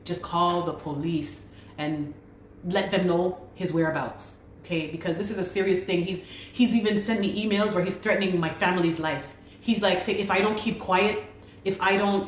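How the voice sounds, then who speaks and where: A woman's voice: lowish voice, steady tone, a little fast, slight background noise. A woman from Canada making an urgent, pleading appeal to viewers in a self-made video, repeating herself insistently. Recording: echoey room with faint ambience.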